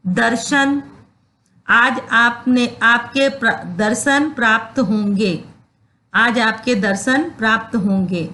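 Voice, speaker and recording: A woman's voice: a little high, fairly bright tone. A woman teacher explaining a grammar lesson, saying each example word twice and spelling out the rules step by step. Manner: repeats each example word slowly and deliberately.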